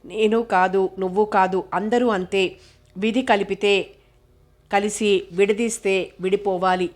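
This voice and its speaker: A woman voicing a sorrowful, resigned young woman in a spoken novel, grave and measured. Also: medium pitch, steady tone, natural voice.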